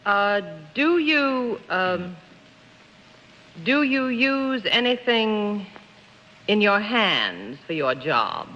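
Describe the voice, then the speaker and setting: A woman's voice: medium pitch, sing-song, very slow, sharp tone. Hesitant woman panelist, 1950s TV broadcast. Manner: hesitant, many fillers, playful. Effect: 1950s TV broadcast sound. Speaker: game show panelist. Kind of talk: 1950s TV panel game show questioning. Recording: dull echoey 1950s TV broadcast.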